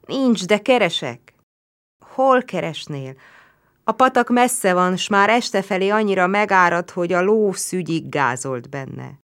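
A blind, wounded Roman soldier begs in a weary, pleading voice, as a woman reading the story puts him on. The voice sits higher and louder than her low reading tone. It sounds like a spoken storybook. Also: animated.

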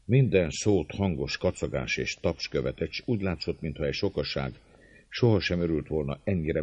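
A man narrating a historical novel in measured, expressive storytelling. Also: very deep voice, creaky, breathy edge, no room sound. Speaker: audiobook narrator. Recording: dull lo-fi, dry sound.

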